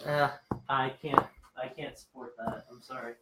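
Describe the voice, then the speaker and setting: A young man co-hosting a casual podcast chat, teasing and animated. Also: mid-range voice, moderate pace, heavy background noise. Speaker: podcast co-host. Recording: roomy echo.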